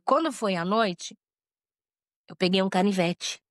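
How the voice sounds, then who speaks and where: A woman's voice: medium pitch, dry recording, clean studio sound. Emotional woman telling her story. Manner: tearful, halting, with restarts and acted quotes. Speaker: interview guest telling her life story. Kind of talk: emotional personal testimony.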